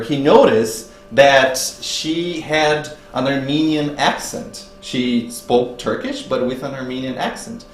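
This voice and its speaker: At a spiritist public meeting, a lower-voiced man delivers a religious talk woven with stories, pausing often as he hunts for the right words. His voice bounces around a roomy space, and a faint hum and noise linger underneath.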